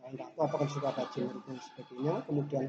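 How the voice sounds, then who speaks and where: A man, a clinic therapist explaining his treatments in an interview, unhurried and pausing on fillers. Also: medium pitch, steady tone. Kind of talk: casual interview answers. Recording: dull lo-fi audio with background noise.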